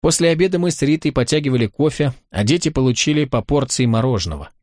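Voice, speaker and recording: A male narrator reads a first-person audiobook with a dry, ironic delivery. His voice sits at a middle pitch. The recording is close and dry, with no room sound. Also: animated, fast, a little mellow, no room sound.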